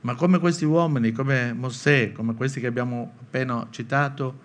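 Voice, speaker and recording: A man from Italy preaching a sermon, acting out biblical quotes with animated, lively delivery. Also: mid-range voice, normal speed.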